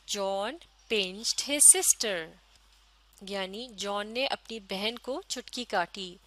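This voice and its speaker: Lady teaching english grammar, talks slow, reads the rule then explains it, formal urdu-ish words. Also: mid-range voice, fairly bright tone, low-quality recording. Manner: reads English definitions slowly, then explains each line; formal Urdu-leaning vocabulary. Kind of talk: recorded lesson, explaining in Hindustani.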